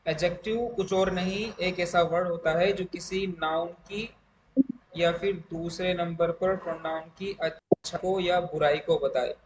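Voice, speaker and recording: A man teaching English grammar to an online class draws out every English word very slowly in a steady tone, his voice high for a man. The lo-fi recording sounds echoey, with a faint hiss in the background.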